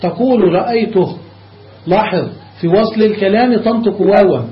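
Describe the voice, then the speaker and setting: A man teaching a classical grammar lesson, explaining each rule step by step, checking that his students follow, and slowing down on examples. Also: high voice. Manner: slows down on examples. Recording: echoey lo-fi room recording.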